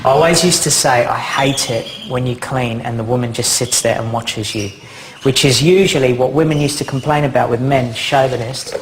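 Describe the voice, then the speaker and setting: A man speaks in a mid-range voice, casual and upbeat, poking fun at himself. He sounds slightly winded. The kitchen recording carries a steady, noticeable noise. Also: medium pitch, normal speed, few pauses. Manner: chatty, upbeat, self-mocking. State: out of breath. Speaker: reality show participant. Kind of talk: casual talk to camera. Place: home kitchen. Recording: noisy home recording.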